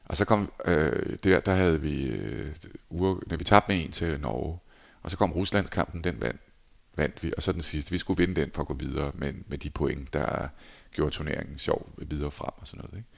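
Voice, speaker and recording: Very deep, gravelly-voiced man telling stories. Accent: Danish. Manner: animated anecdotes, acts out shouted quotes. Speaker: former handball goalkeeper, guest. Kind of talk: casual interview storytelling.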